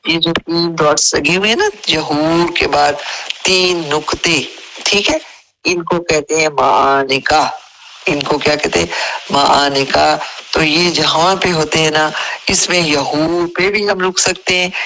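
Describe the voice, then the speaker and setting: A man teaching a tajweed lesson. He recites verses slowly and at length, then explains the rules in quick spoken asides and keeps checking whether his students follow. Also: a little high, fairly even intonation, vocal fry, sharp tone, slight background noise, poor audio. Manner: slow, drawn-out recitation alternating with brisk spoken explanations; checks understanding with repeated rhetorical questions.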